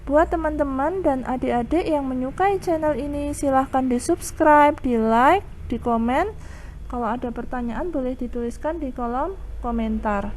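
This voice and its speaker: A young woman giving a calm, clear online lesson on poetry as a teacher. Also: sits high, moderate pace, slight background noise.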